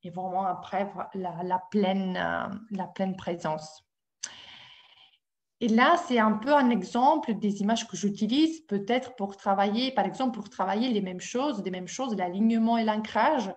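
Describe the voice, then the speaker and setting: A woman's voice: mid-range voice, measured pace, darkish tone. A woman with an Italian accent leading a webinar as a dance-movement therapist, talking to her audience with many hesitations and questions. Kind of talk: live webinar talk.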